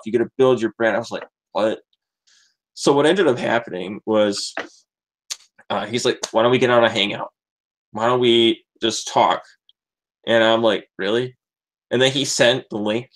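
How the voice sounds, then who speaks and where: A man's voice: on the low side, rough recording. An American man telling his own story in a casual testimonial, rambling and filling his talk with "like" and "you know". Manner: rambling, heavy use of fillers like "like" and "you know". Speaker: network marketing member sharing his story.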